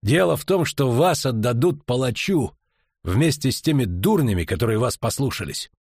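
A man's voice: medium pitch, animated, normal speed, darkish tone, husky, no room sound, clean studio sound. A man reading an audiobook, voicing a menacing middle-aged coroner who drawls with venom and threats. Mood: venomous.

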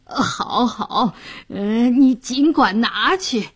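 A woman's voice: on the high side, expressive, breathy edge, exaggerated voice. A woman voicing a drunken, lecherous young male official who drawls and leers in a storytelling performance. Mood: drunk, leering. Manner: slurred, leering, drawn-out.

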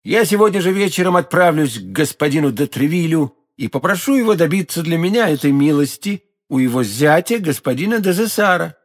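A man's voice: on the high side, expressive, fairly quick, hardly any pauses, voice pushed up. A man voicing a proud, ardent young nobleman in love, speaking with fervent declamation. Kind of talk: audiobook character voicing.

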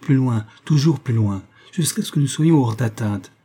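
A man's voice: mid-range voice, moderate pace, dark tone, husky, close to an everyday voice. A man reading aloud, voicing a feverish, devoted young hero who speaks with exaltation. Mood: fervent. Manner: fervent, exalted.

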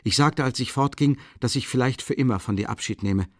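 A man's voice: medium pitch, fairly quick, dry recording, clean studio sound, pitched above the performer's own voice, natural voice. A man voicing a feverish, exhausted young man who murmurs faintly and feebly. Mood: confessing.

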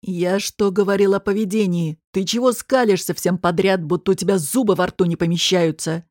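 A woman reading an audiobook voices a bullying male restaurant boss who barks threats in a lowered, slow voice. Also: steady tone, a little mellow, no echo, clean studio sound, close to an everyday voice. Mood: menacing. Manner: barking, threatening.

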